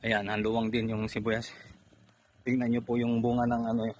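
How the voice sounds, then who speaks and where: A man promoting a fertilizer while walking through an onion field, excited and out of breath, talking to farmers watching. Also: mid-range voice, normal speed, slight background noise. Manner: excited, keeps pointing out crop size.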